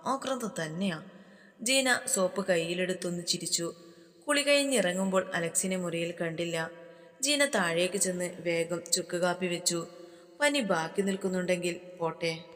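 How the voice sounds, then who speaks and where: Low-voiced woman reading a romance. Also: a bit bright. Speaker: story narrator. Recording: long hall reverb.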